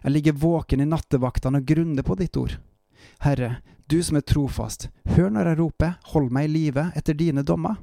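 A man reading psalm verses aloud in a calm, measured way, stopping now and then for short devotional reflections. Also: a little high, creaky, no room sound, studio quality. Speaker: Bible reader and preacher. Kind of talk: Bible reading with devotional commentary.

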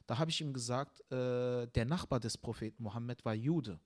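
A young man, a comedian hosting the show, chatting casually and telling a story with animated energy, getting loud when riled. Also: medium pitch, normal speed. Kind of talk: casual chat.

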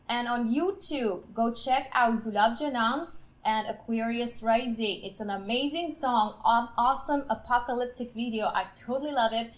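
Upbeat woman podcast host. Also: fairly high pitch. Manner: upbeat, laughs often. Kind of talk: reading a guest introduction.

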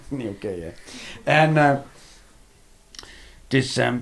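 A man doing a stand-up routine, his pitch leaping all over the place. He shifts from loud, shouted bursts to low mutters and drops swear words along the way. His voice sits in a middle register. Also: drawn-out words, vocal fry. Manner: animated, swings between loud outbursts and low muttering, swears. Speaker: stand-up comedian.

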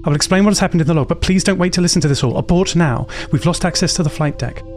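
Man doing a woman astronaut in crisis, pleading and urgent, pitched a bit higher, quiet music under. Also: quick pace, close to an everyday voice. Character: desperate woman astronaut pilot. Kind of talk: story reading.

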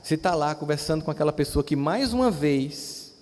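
A middle-aged man from Brazil giving a lively, joking lecture and putting questions straight to his audience. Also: a little high, a little fast. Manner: animated, jokey, talks straight to the audience with questions. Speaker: speaker giving a spiritual self-help lecture. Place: large hall. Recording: live lecture in a reverberant hall.

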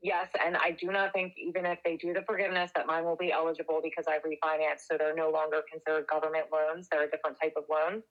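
A young adult woman chatting casually as podcast co-host, heard over a speakerphone, relaxed and swearing offhandedly. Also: low-pitched, quick pace, hardly any pauses, narrow, tinny audio. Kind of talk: casual chat.

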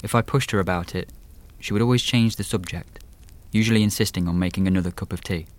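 A man's voice: low voice, quick pace, natural voice. A man playing a wry, sardonic man in his late twenties, telling his own horror story in a conversational, dry manner. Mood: wry, reflective. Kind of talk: first-person scripted horror narration.

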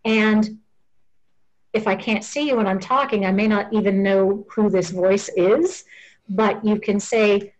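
Her pitch is a normal middle range and her intonation fairly even as this woman, at a measured pace, earnestly walks an interviewer through things patiently, one step at a time. The recording sounds muffled.

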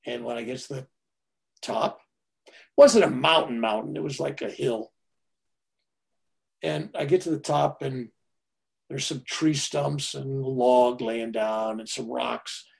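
A man animatedly telling a personal story in casual talk, swinging from loud to hushed. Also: mid-range voice, measured pace, creaky, long pauses.

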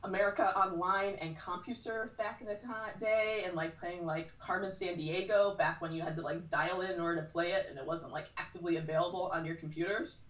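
A woman's voice: lowish voice, fairly even intonation, brisk, hardly any pauses, a bit bright. A woman in her forties, a podcast guest, chatting casually and telling stories with a lot of "like". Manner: chatty storyteller, frequent "like". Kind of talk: casual chat. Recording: roomy, distant from mic.

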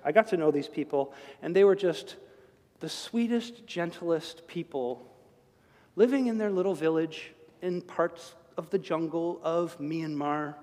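A male pastor preaching a sermon in a church, talking in a conversational, animated way with humorous asides. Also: a little high, measured pace. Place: church sanctuary. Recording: long church reverb.

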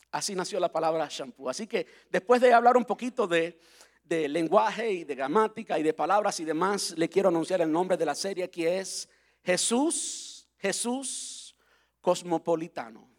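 A man from Cuba who speaks, preaching as a pastor in a chatty, playful way and spelling words out letter by letter. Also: high voice. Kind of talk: sermon.

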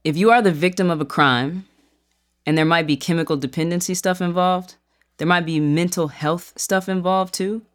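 Calm explanatory advocate voice. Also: mid-range voice, normal speed. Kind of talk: interview.

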